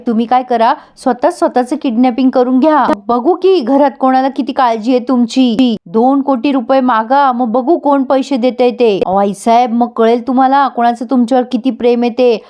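A woman's voice: high voice, fairly even intonation, moderate pace, hardly any pauses, muffled recording, close to an everyday voice. A woman voicing a scheming young daughter-in-law who pleads and wheedles in a TV serial recap. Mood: wheedling.

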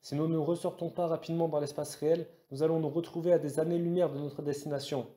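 A man's voice: a little high, level tone, fast talker, dark tone, roomy sound, voice pushed up, lightly acted. A man voicing a terrified female starship navigator in an audiobook, talking with trembling, fearful urgency. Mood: urgent. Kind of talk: audiobook character voice.

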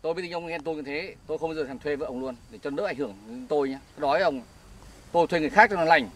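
Man acting as orchard boss, northern vietnamese accent, talks super fast and dismissive. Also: fairly high pitch, a bit bright, lightly acted. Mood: defensive. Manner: dismissive, curt. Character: orchard owner employer, dismissive and defensive. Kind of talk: amateur skit acting. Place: outdoors in an orchard.

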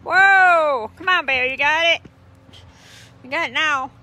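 Woman, Michigan accent, doting baby talk, outdoors by a lake, bright tone. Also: high-pitched, slow pace. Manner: cooing, doting baby talk to her dogs. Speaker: dog breeder. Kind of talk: casual chat to puppies and viewers.

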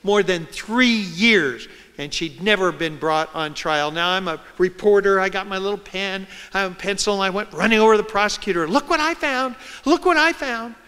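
A man's voice: sits high, brisk, bright, forceful tone, clear, resonant tone. A man, a reporter, telling stories to an audience in a dramatic lecture style. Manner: dramatic, acts out scenes and quotes. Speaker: reporter giving a public talk. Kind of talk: storytelling lecture. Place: large lecture hall. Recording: reverberant hall.

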